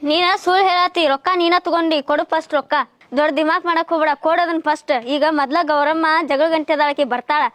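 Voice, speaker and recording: A woman's voice: high voice, flat delivery, quick pace, a bit bright, no echo. A young woman playing a bossy elder sister. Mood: scolding. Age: young adult. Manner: bossy, reproachful. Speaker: elder sister, college student. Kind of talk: village short-film acting.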